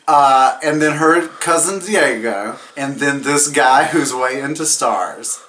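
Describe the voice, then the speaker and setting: The drunk movie review host has a mid-range, sharp-toned voice, with a faint hiss or hum on the recording. His comedic recap is loose and giggly, peppered with swearing, and he forgets names as he stumbles along.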